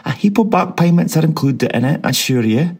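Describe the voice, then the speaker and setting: A man's voice: on the high side, expressive, brisk, a little mellow, breathy edge, pitched above the performer's own voice. A man doing a hearty Doric-spoken Scrooge. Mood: eager. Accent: Doric Scots. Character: reformed old miser, jovial and generous.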